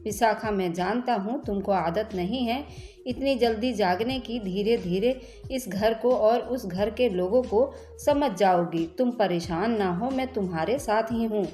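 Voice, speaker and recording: A woman voicing a young husband who speaks softly and affectionately. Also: medium pitch, a little slow, soft background music, close to an everyday voice. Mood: tender teasing. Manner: soft, affectionate. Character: loving young husband, gentle and teasing.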